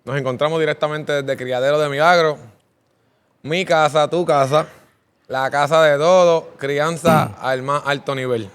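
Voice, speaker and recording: A man's voice: fairly high pitch, steady tone, measured pace, clear, resonant tone. A man hosting a casual interview, upbeat and often tagging his sentences with a questioning filler. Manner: upbeat, repeats "¿verdad?" as a filler. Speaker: interviewer host.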